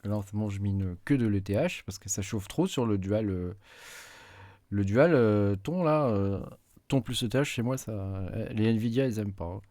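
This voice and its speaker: Casual tech tutor, low voice, dry close sound, halting delivery with fillers. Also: male voice, mellow, dry recording. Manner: hesitant, many fillers, talks while clicking. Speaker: tech YouTuber. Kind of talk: casual screen-recorded tutorial.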